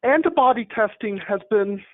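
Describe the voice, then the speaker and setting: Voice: mid-range voice, animated, normal speed, dry recording. Presenter on a tinny group call line. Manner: methodical, explains step by step. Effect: heard over a group call line. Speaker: medical presenter at a town hall. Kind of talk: technical slide presentation. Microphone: remote call connection. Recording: tinny phone-like call audio, dry.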